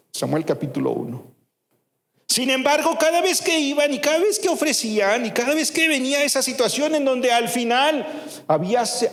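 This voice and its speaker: A man with a Mexican accent preaching a sermon as pastor, telling a story and moving between lively and hushed delivery. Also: high-pitched, long reverb tail. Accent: Mexican Spanish. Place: church.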